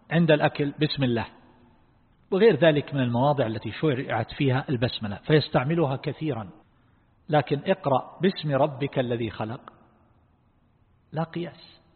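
A man with a husky, slightly raised voice teaches a religious lesson. He explains slowly and deliberately and quizzes his listeners. The sound is thin and phone-like, with a long reverb from the hall. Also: mid-range voice. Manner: asks the class questions. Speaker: Islamic scholar teaching Quran reflection.

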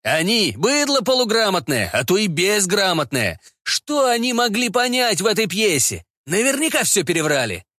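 Guy doing a shrill hissy vampire noble, always outraged, audiobook. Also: big pitch swings, moderate pace, hardly any pauses, bright, forceful tone, no echo, clean studio sound, full character voice. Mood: scornful. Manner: hissing, indignant outbursts. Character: hissing, furious Polish noble playwright, vampire.

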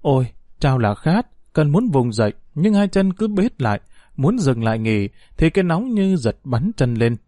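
A man reading a story aloud as narrator, in an expressive storytelling manner. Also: on the high side, moderate pace, no room sound, clean studio sound.

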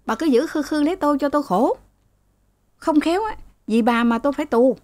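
A woman's voice: high-pitched, mellow, no echo, pitched above the performer's own voice, close to an everyday voice. A woman voicing a whiny spoiled young man. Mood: sulky, defiant. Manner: sullen, quick and whining. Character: sulky spoiled young man, threatening his mother. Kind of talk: audiobook character reading.

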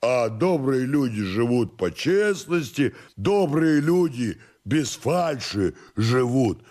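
A man voicing a drunk, sullen manservant in an audiobook, muttering quietly and stubbornly. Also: mid-range voice, very animated, slow, voice pushed up. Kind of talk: audiobook character voice.

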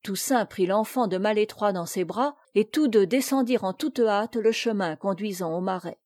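A woman narrating a classic tale as an audiobook reader, reading in a slow, measured way and voicing the dialogue. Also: mid-range voice, a little mellow, dry recording, studio quality.

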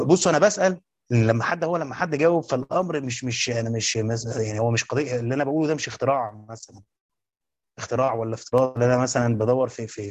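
A man with an Egyptian Arabic accent teaches a classroom lecture on Quranic exegesis, repeating his points and quizzing students. His mid-range voice is slightly rough, recorded with no echo.

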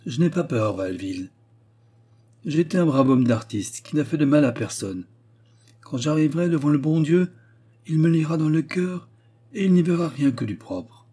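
A man's voice: fairly high pitch, lively intonation, normal speed, mellow, slightly rough, pitched above the performer's own voice. A man voicing a dying old tragic actor who speaks with emphatic, pleading fervor. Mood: fervent.

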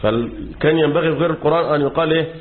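A sheikh with an Egyptian Arabic accent lectures on Quran commentary, quizzing his class with fill-in questions and repeating key words. His voice is on the high side and very fast, captured in a tinny, lo-fi, phone-like recording.

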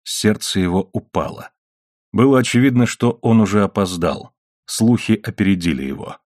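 A man narrates an adventure novel for an audiobook in a low, even voice. The sound is close and dry, with no room around it. He keeps a steady storytelling pace. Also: normal speed, dry recording.

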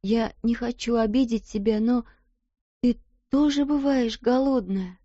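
A woman voicing a timid, kind, slow-witted schoolgirl who speaks hesitantly, in a muffled, dull recording. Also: a little high, dark tone, no echo, pitched above the performer's own voice.

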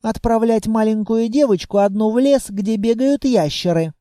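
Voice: mid-range voice, moderate pace, dark tone, dry recording, studio quality, natural voice. A reader voicing a stern adult witch who speaks in a reproachful way in an audiobook.

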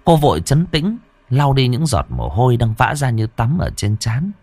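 A man tells a ghost story, his pitch climbing and falling widely. His delivery swings from hushed to lively. The recording is close and dry. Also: normal speed, husky, dry recording. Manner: expressive, shifting between hushed and lively. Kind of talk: scripted narration of a ghost story.

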